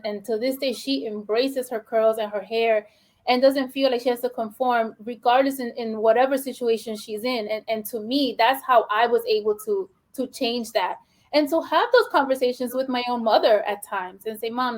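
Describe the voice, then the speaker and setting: This Bronx woman, a guest educator with a New York Puerto Rican accent, has a fairly high voice with fairly even intonation and a moderate pace. In a conversational interview she speaks earnestly and reflectively, often saying "you know" and "like."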